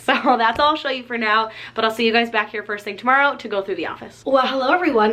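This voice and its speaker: Walking through her things in a relaxed at-home vlog, a young woman chats loosely and fills her sentences with plenty of "like." She speaks in a slightly high voice with a fairly bright tone.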